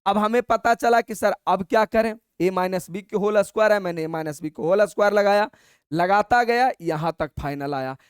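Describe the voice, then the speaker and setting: Close to the mic and with no echo, a man teaches exam-prep maths in a high voice that comes through smooth and clear. He uses colloquial, coaxing speech, addresses students as brother, and dictates each step slowly with repetition.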